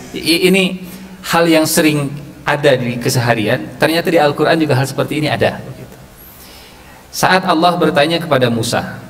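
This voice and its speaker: A man giving a humorous mosque sermon, acting out quoted dialogue in raised voices. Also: mid-range voice. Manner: acts out quoted dialogue in raised voices, mixes Sundanese phrases. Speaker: preacher giving a mosque study session. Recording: long hall reverb, faint ambience.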